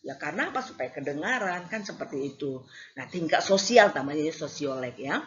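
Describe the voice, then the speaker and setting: A woman's voice: sits low, animated, a little fast. A woman lecturer giving a casual classroom lecture, hesitating with many fillers and acting out examples. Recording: slightly dull lo-fi recording.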